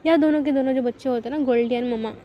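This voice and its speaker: A woman's voice: sits high, quick pace, slight background noise. A woman telling a story in a casual, chatty way with sympathetic asides, in a dull lo-fi recording.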